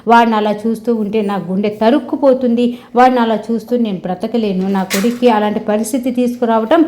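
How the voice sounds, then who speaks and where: A woman's voice: fairly high pitch, steady tone, quick pace, mellow, slight background noise, close to an everyday voice. A woman voicing an angry, grieving rich mother who scolds in a raised, agitated voice. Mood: furious, bitter. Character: angry grieving wealthy mother, bitter and vengeful.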